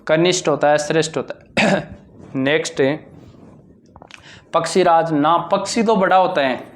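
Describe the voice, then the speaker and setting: A man's voice: fairly high pitch, a little slow. A male teacher giving an exam-prep grammar lesson, with a lilt, drilling answers and asking and answering his own questions.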